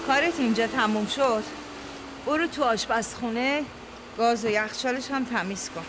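A woman's voice: on the high side, lightly acted. A woman playing a firm, worried mother. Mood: commanding. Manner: firm and reproachful. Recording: background noise.

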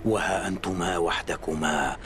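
A man's voice: low-pitched, fairly even intonation, moderate pace, noisy background, close to an everyday voice. An actor playing a grown man who narrates childhood memories in a film, in a poetic, wistful, reflective way. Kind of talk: scripted first-person film narration. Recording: music behind the voice. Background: music.

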